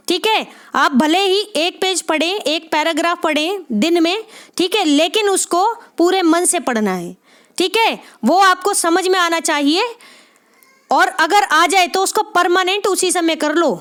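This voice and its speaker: A Hindi literature tutor with a very high, fairly bright voice gives a spoken exam-prep lesson. She's encouraging, says "ठीक है?" after nearly every phrase, and slowly spells out sounds one at a time.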